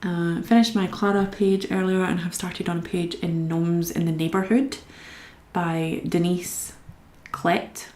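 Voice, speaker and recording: A woman's voice: fairly low pitch, fairly even intonation, unhurried, darkish tone, reverberant. A young Scottish woman chatting with viewers as she colours during a live stream. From Scotland. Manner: chatty, talks to viewers while working. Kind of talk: casual chat while colouring.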